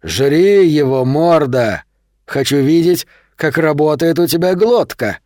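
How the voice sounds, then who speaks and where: A man reading an audiobook, voicing a brutal male vampire thug with slow, loud, jeering threats. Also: a little high, animated, no echo, studio quality. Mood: menacing.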